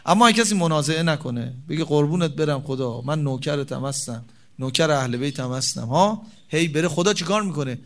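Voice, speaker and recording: A man preaching a sermon, reciting Arabic sayings slowly and explaining them in a conversational tone, swinging between loud emphatic peaks and soft low asides. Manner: quotes Arabic hadith slowly, then explains in colloquial Persian. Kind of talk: religious sermon.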